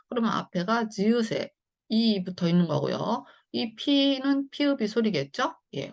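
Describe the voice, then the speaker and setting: A woman teaching English phonics in an online lesson, talking slowly and patiently with many fillers. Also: mid-range voice, gravelly, dull audio.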